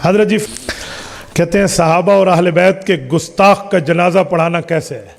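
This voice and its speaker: A man's voice: high-pitched, unhurried, creaky. A male Islamic scholar answers religious questions emphatically, firing rhetorical questions and listing points one by one. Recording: long hall reverb.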